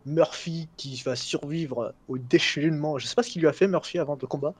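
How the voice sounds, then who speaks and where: Male podcast co-host, slightly high voice, casual fight recap, jokey, fumbles names. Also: brisk, slightly rough. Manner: laughing, joking, stumbling over fighter names.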